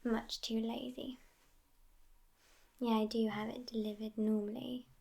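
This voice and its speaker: A woman's slightly high voice, often dipping into fry, carries a heavily acted ASMR roleplay as a centuries-old but youthful-sounding vampire girlfriend, haughty and sassy. Her delivery is hushed, near-whispered, slow and languid, with little pitch movement.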